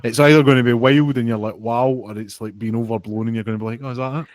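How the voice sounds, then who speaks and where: A man's voice: medium pitch, fairly even intonation, quick pace, dry recording, studio quality. A man chatting casually about films on a podcast, informal and agreeable. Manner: informal, agreeable, peppers talk with 'aye'. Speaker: podcast co-host. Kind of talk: casual chat about TV and film.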